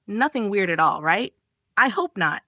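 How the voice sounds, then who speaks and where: A woman's voice: mid-range voice, expressive, moderate pace, bright, forceful tone, no room sound. Lady playing a worried little sister, pleading, voice jumping all over, dry sound. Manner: anxious, pleading. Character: flustered caring younger sister.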